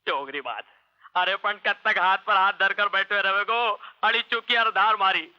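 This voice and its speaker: An actor playing a crafty, scheming uncle who urges and connives. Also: male voice, sits high, normal speed, clean tone, close to an everyday voice. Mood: conniving. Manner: urging, conniving. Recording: dull old film soundtrack.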